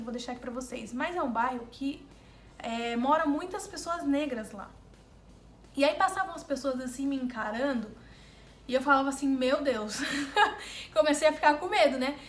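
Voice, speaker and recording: A woman vlogger from Brazil telling a travel mishap story to her viewers in a casual, animated way, often repeating words for emphasis. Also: high voice, roomy sound.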